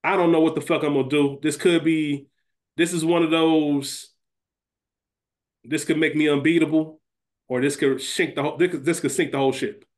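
A man with a fairly high, steady voice speaks at normal speed while co-hosting a podcast. The talk is loose, sweary sports-draft banter about a TV series, and he thinks aloud, circling back over the same words as he decides on picks.

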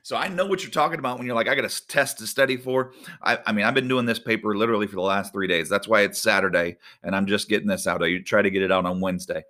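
A man, a volleyball coach giving a casual devotional talk with prayer, animated and conversational with many fillers. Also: fairly low pitch, rapid-fire, few pauses. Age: 40s.

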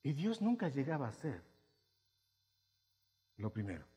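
A male pastor preaching to his congregation, asking them questions and swinging between quiet asides and loud, emphatic bursts. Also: medium pitch, huge pitch swings, unhurried, husky. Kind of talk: sermon. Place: church hall. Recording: long hall reverb.

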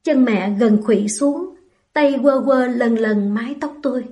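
A woman reading a first-person story aloud in a slow, melancholy way. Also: fairly high pitch, warm tone.

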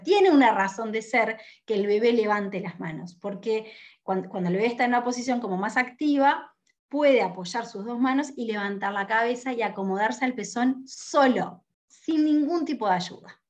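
A woman's voice: fairly high pitch, dull audio. A woman, a lactation educator giving an earnest teaching talk and often ending points with a questioning tag. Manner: earnest, steady explaining, frequent questioning tags.

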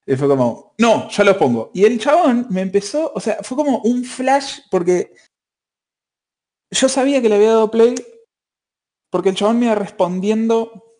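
A young man with a Rioplatense Spanish accent hosts a podcast, rambling through a story in casual chat with plenty of fillers. His voice sits somewhat high. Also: expressive, moderate pace, pauses often, dark tone. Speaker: podcast host.

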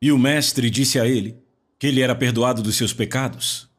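A man preaching a sermon in an animated style, mocking the way people pray and rising to shouts. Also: medium pitch, normal speed.

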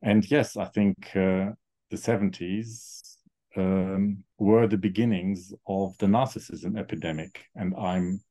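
A man, a psychotherapist speaking reflectively in an interview, with frequent pauses and fillers. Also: sits low, steady tone, warm tone. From Germany. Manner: thoughtful, halting, many fillers. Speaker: guest psychotherapist.

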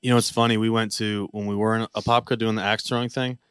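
A man's voice: fairly low pitch, little pitch movement, quick pace, a bit bright, clear, resonant tone, no echo, clean studio sound. A man co-hosting a podcast, rambling casually with jokey asides and restarts. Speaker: podcast co-host. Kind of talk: casual chat.

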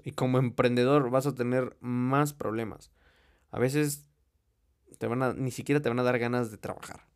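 A man's voice: mid-range voice, a little mellow. A young man with a Mexican accent giving a blunt, profane motivational monologue straight to the listener. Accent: Mexican Spanish. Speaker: motivational speaker.

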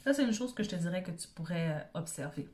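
Speaking fast with lively intonation, this woman has a lowish, darkish voice and a Quebec French accent. She offers a casual motivational talk as a self-help coach, frequently adding quick tag questions to check in.

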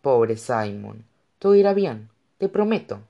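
A woman's voice: a bass voice, very animated, a little slow, vocal fry, muffled recording, heavily acted. A narrator voicing a fierce, frantic young woman who speaks urgently and pleads, in an audiobook. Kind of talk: audiobook character voice.

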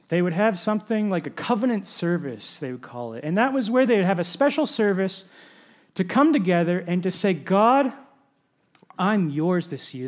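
A man pastor preaching a sermon, often dropping to a soft, low voice to stress a point. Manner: drops to a soft low voice for emphasis.

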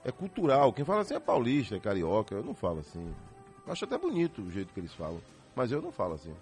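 A man's voice: mid-range voice, wildly swooping pitch, rapid-fire, darkish tone, soft background music. A man with a Bahian accent hosting a radio talk show, mocking and emphatic. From Bahia, Brazil. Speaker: radio host.

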